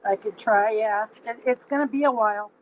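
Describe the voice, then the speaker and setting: A woman's voice: a little high, fairly quick, phone-quality sound. A woman photographer chatting casually about her photo, hesitant and self-deprecating. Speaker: club photographer. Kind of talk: casual chat.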